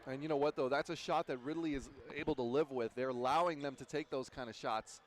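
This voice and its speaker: A man's voice: medium pitch, steady tone, quick pace. A man giving color commentary at a basketball game, explaining the defense and what players should have done. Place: gym broadcast booth.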